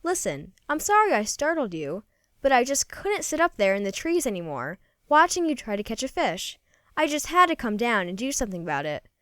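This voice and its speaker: A woman's voice: fairly high pitch, sing-song, brisk, a bit bright, no echo, studio quality. A woman voicing a big, friendly male Bigfoot in a children's storybook, hearty, teasing and sure of himself. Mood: friendly, eager. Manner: hearty, teasing, bossy helper. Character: big friendly male Bigfoot, jovial, confident forest fisherman.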